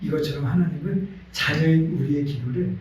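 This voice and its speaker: A man's voice: on the high side, brisk, a little hiss or hum. A male pastor preaching a Sunday sermon in a church, telling stories with feeling and leading the congregation in repeating after him. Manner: animated storytelling preacher, leads congregation in call-and-response. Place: church sanctuary. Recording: echoey church hall, voice from a distance.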